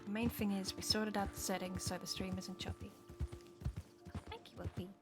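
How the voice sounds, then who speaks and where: A woman's voice: mid-range voice, level tone, normal speed. A woman streamer in a casual, rambling chat, swearing now and then. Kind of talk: casual chat while playing a role-play game. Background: game music and horse hooves.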